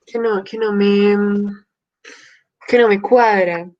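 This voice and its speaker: A woman's voice: medium pitch, fairly even intonation, slow, lo-fi sound. A woman teaching a grammar lesson, explaining patiently step by step and working through examples. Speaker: Spanish teacher.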